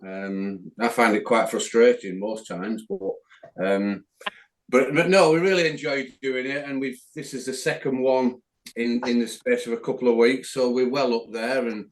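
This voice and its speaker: A man's voice: medium pitch, steady tone, moderate pace, slight background noise, poor audio. Chatty Northern English man hosting. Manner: rambling, chatty. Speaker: podcast host. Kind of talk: casual chat.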